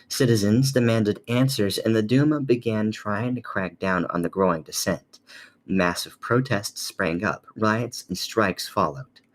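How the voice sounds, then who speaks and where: A man narrating a second-person audio fanfic in a calm, measured reading. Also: lowish voice.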